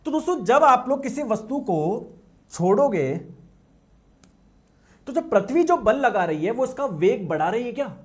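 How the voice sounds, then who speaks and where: A man with a high voice teaching a classroom physics lecture. He talks with energy, repeats words for emphasis and keeps asking his students to answer yes or no. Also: sing-song, normal speed, long pauses.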